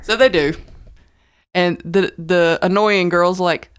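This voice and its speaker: A woman's voice: fairly low pitch, steady tone, slow pace, clean tone. A woman guest on a podcast, casually recapping horror movie plots and agreeing along with the host.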